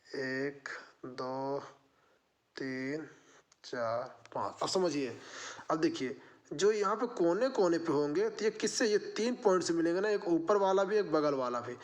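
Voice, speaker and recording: A man's voice: sits high, expressive, moderate pace. A man. He walks through each problem one step at a time, asking the class questions and then answering them himself. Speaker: math teacher. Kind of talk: exam-prep math lesson.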